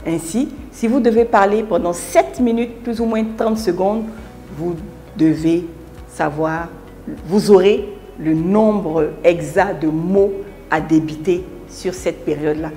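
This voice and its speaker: A woman giving a public speaking lesson in scripted narration, deliberate, with emphatic pauses and big shifts between loud and soft. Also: lowish voice, soft background music. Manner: deliberate, with emphatic pauses and wide swings in loudness.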